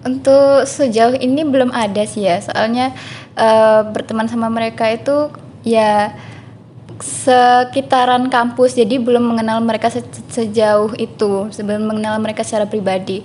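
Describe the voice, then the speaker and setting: Guest: young woman from Java, easygoing, slightly high voice, muses as she talks. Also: normal speed, a little hiss or hum. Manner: relaxed, thinking aloud with fillers. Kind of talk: casual interview chat.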